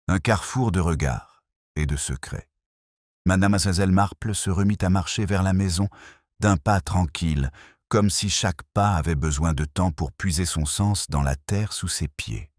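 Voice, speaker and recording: A man narrating a mystery story in a slow, even storytelling manner. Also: a bass voice, no echo, clean studio sound.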